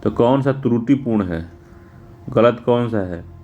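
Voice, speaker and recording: Man teaching slowly, dark voice. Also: medium pitch, dull audio, slight background noise. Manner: spells words slowly and repeats them; informal, repeats "theek hai" often. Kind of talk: exam-prep lesson, going through test answers.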